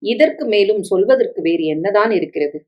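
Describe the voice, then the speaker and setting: A woman reading a family story aloud as narrator, measured and reflective. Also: mid-range voice, animated, lo-fi sound. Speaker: story reader. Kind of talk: scripted narration.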